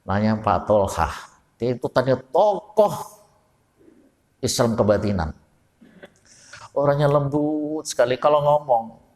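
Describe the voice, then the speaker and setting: A man's voice: mid-range voice, expressive, measured pace, long pauses, a little mellow, long reverb tail. A Javanese man preaching a folksy study sermon to his congregation, often putting questions to the audience. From Java. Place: mosque hall.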